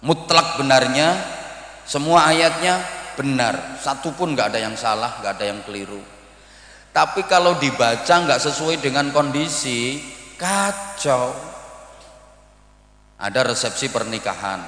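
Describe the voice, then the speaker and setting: East Javanese preacher in an echoing hall. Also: male voice, mid-range voice. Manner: lively, acts out greetings in varied voices, mixes in Javanese. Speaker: Islamic preacher. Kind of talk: humorous sermon to boarding-school students. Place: large hall at a boarding-school event. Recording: echoey hall with long reverb.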